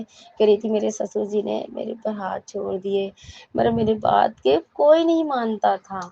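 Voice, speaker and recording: A woman's voice: medium pitch, gravelly, warm tone, no echo. A woman speaking to a spiritual congregation, retelling a devotee's story in a rambling, repetitive way and often addressing her listeners directly. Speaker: satsang speaker. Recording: dull lo-fi recording.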